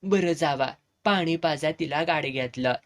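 A man's voice: on the high side, moderate pace, a bit bright, natural voice. A man voicing a crude, mocking village man in an audiobook, with rural Satara Marathi dialect and sneering banter.

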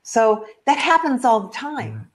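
A woman's voice: on the high side, big pitch swings, a little slow. An older American woman, a travel blogger, telling travel stories in a video call interview, chatty and full of ums. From United States. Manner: warm, chatty storytelling with frequent ums. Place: living room at home.

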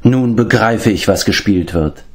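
Reading an audiobook, a man with a lowish voice takes on the role of a noble adult prince and war leader who speaks in a measured, commanding way.

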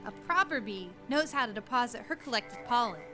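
A woman's voice: on the high side, lively intonation, fairly quick, close to an everyday voice. A woman voicing a kind, eager worker bee in a video game, a chirpy and encouraging big-sister guide. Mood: cheerful, encouraging. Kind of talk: scripted video game character acting. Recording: long hall reverb over music.

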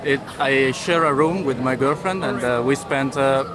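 A man at a middle pitch who answers haltingly, pausing often to find his words. A street crowd is clearly audible around him at night. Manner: halting, many hesitations. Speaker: tourist.

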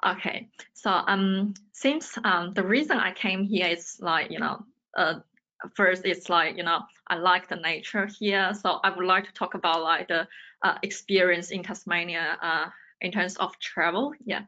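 A woman's voice: on the low side, measured pace, pushed and bright. A young woman student from China speaking on a video call, hesitant with many fillers. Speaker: student panelist.

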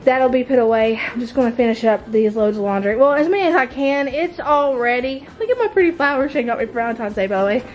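Talking fast with hardly any pauses, this American woman has a fairly high, lively voice as she rambles casually to camera. She's a homemaking vlogger filming on a handheld camera at arm's length inside her mobile home's open-plan living room and kitchen, and the recording is rough.

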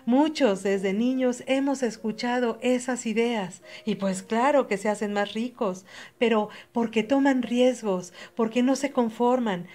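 A young adult Mexican woman hosts a channel, delivering a direct, earnest motivational voice-over aimed straight at the listener. Her fairly high voice is a little mellow and carries a Mexican Spanish accent.

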